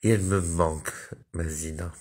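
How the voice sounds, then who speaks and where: A middle-aged man, speaking, holds forth to his followers in a long, meandering monologue. His voice sits low. He swings theatrically between hushed, emotional murmurs and sudden high exclamations. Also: steady tone, normal speed. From Algeria. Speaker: social media personality. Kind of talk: rambling live monologue to followers.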